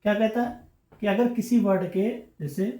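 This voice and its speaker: A man teaching a grammar lesson, explaining patiently and repeating himself, often pausing to check in with the class. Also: high-pitched, mellow, echoey room. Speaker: English teacher.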